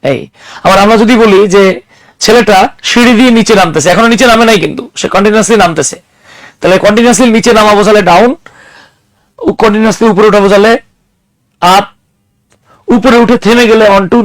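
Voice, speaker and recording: High-voiced man teaching a class. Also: quick pace, pauses often, no echo, low-quality recording. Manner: explains with everyday examples, asks the class questions. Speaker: English teacher. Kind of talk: classroom lecture.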